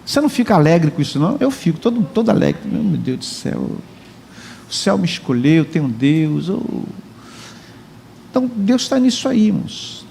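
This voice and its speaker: Lively pastor preaching. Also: male voice, fairly high pitch, moderate pace, creaky, slight background noise. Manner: lively, joking and chatty with the congregation. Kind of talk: sermon. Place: church hall.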